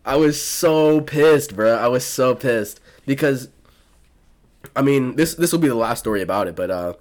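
A young man co-hosts a podcast, telling a story in laid-back, casual chat full of fillers and free swearing. His mid-range voice has lively intonation, normal speed, and a slightly mellow quality, with a little hiss or hum in the audio.

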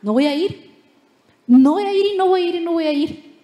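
A woman's voice: sits high, unhurried, long reverb tail. A woman voicing a stubborn, sulky male prophet who keeps refusing, in a defiant childish way. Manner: defiant, repetitive, childish protest.

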